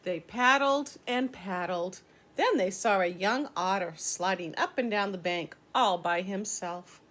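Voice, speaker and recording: A woman's voice: mid-range voice, measured pace, fairly bright tone, a little hiss or hum. An older woman reading a children's story aloud, explaining things simply as a teacher would to young listeners.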